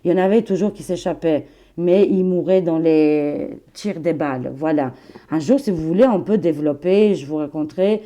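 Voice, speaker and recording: At a normal speed, this Albanian-accented tarot reader and channel host in her forties chats loosely with her audience as if they were friends. Her mellow, slightly low voice is punctuated by frequent laughter, side remarks, and lots of fillers.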